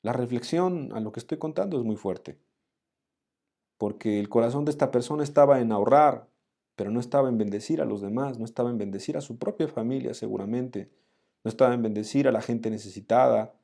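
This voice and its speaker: A man's voice: mid-range voice, brisk, vocal fry, warm tone. A man giving a Bible study, teaching earnestly and speaking straight to the listener. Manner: earnest, addresses listener directly.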